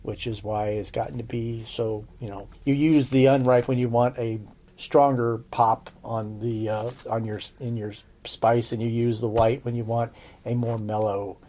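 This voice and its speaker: A man's voice: medium pitch, flat delivery, moderate pace, mellow. A man giving a casual spoken lesson on herbs for a podcast, chatty and checking in with his listeners, with dry sarcastic asides. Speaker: herbal lore teacher on a podcast.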